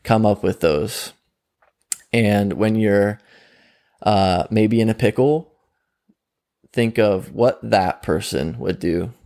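A man's voice: on the low side, slow pace, pauses often, darkish tone. A young man, a mental performance coach, talking easily in an interview, laughing often and filling with likes and ums. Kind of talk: conversational interview.

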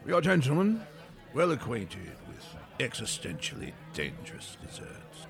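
A man voicing an excitable posh British gentleman adventurer who stammers and exclaims. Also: fairly high pitch, takes it slowly, creaky, heavily acted. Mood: indignant.

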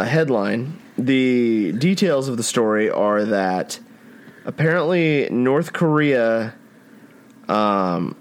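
A man co-hosting a podcast in a casual chat, dry and joking, reading out his own headlines. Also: medium pitch. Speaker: podcast co-host.

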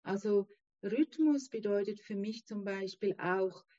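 Mellow woman speaking German as second language. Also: mid-range voice. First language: not German. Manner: halting, searching for words. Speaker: interview guest. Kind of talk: reflective personal conversation. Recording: dull, roomy sound.

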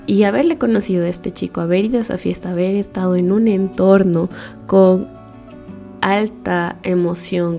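A young woman with a warm, mellow voice and a gravelly edge recounts a personal experience, slipping into her past thoughts as little quoted scenes. Faint music plays softly behind her. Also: lowish voice. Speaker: storyteller. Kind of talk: personal storytelling.

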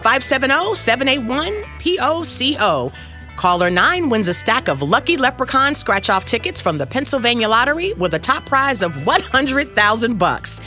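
A woman in her fifties playing an upbeat radio prize announcer, booming out a scripted contest promo with emphatic delivery. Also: big pitch swings, moderate pace, bright, forceful tone, soft background music. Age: 50s.

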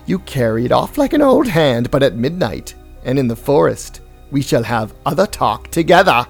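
A man's voice: mid-range voice, very animated, normal speed, vocal fry, breathy edge, faint music behind, full character voice. A man voicing a cackling old witch woman who mocks a minister. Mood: sly.

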